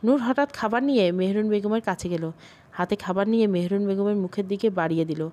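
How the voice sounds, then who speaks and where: Female storyteller, steady scripted narration, middle pitch. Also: a little fast.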